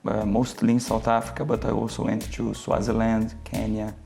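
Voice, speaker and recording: A middle-aged man from Brazil, a talk show guest who pauses and searches for words. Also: fairly low pitch, completely flat delivery, creaky, warm tone, soft background music. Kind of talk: casual talk show chat.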